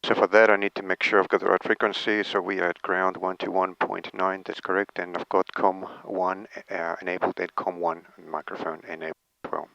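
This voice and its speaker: Low-voiced student pilot on a dry intercom. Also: male voice, flat delivery, fairly quick, creaky, few pauses, sharp tone, no echo, muffled recording. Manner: hesitant, thinking aloud. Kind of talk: talking through cockpit checklists and radio calls. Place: cockpit of a small light aircraft. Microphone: aviation headset over intercom. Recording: close, dry aircraft intercom headset.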